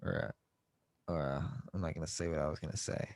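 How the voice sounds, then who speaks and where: A man co-hosting a podcast in casual joking chat, swearing often and breaking into loud mock outbursts. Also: extremely low pitch, steady tone, fast, no echo, clean studio sound. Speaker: podcast co-host.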